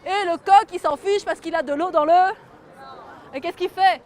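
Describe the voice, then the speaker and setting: High-voiced woman telling a tale outdoors. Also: normal speed, some chatter behind. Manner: lively, gets the audience to join in. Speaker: storyteller. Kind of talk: telling a folk tale to children.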